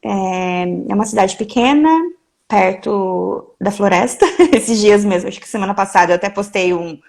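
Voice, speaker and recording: A woman's voice: medium pitch, creaky, a little mellow. A woman from Brazil, a guest on a live video call, chatting in a friendly way and laughing between her sentences. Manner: friendly, laughs often, quick asides. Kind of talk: casual video call chat.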